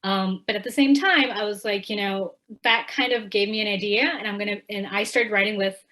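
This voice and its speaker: A woman's voice: medium pitch, fairly even intonation, a little fast, pushed and bright, poor audio. A young adult woman from Ecuador, talking reflectively as an author guest in a casual interview. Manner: reflective, frequent fillers, quoting others animatedly.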